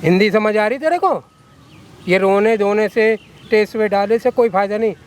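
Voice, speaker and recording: The same short-film villain role: a man plays a corrupt, coercive lawyer, condescending and menacing as he coaxes and threatens a girl. Here his high voice is a little mellow and close to everyday speech, at a moderate pace, with slight background noise.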